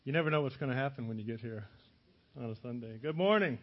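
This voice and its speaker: A man's voice: medium pitch, fast talker. A middle-aged American man gives a casual, joking sermon. He sounds jittery and over-caffeinated, hopping between broken phrases in a mid-range voice. The recording is a little dull. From Louisiana, American South. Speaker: preacher. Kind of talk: casual, humorous sermon to a live congregation.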